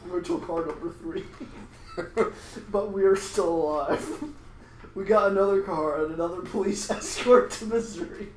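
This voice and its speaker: Male podcast host, higher voice, reads comic story, keeps laughing; roomy echo. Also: moderate pace. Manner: breaks into laughter while reading. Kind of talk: comedic read-aloud with frequent laughter. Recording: echoey room, faint ambient noise.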